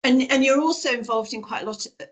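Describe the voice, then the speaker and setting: A woman's voice: high voice, fast talker, muffled recording. A woman hosting an informal online session, speaking hesitantly and searching for words. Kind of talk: informal online drop-in talk. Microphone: video call.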